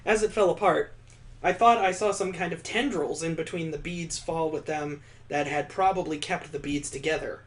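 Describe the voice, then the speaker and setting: Playing through a visual novel, this slightly high-voiced man alternates between reading the text out loud and adding wry, joking commentary in a casual way. His pace is moderate throughout the let's-play read-aloud.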